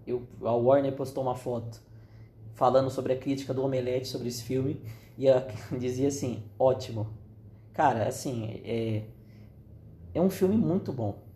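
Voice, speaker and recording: Animated man in an echoey room. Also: medium pitch, moderate pace, a little hiss or hum. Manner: animated retelling, acts out lines. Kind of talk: casual film discussion. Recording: echoey room with faint ambience.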